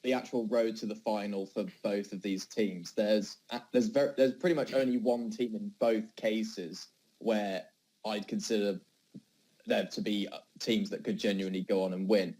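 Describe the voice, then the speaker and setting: A young man talks football in a loose, unscripted debate. His voice sits low and mellow. He thinks aloud as he goes, with halting fillers and restarts. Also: steady tone, rough recording. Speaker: podcast debater.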